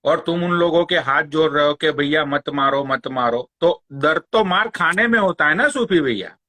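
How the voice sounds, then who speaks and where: A man's voice: on the high side, normal speed, bright, forceful tone. A man hosting a live stream, ranting sarcastically and taunting a rival, swearing often. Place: Long Island, New York.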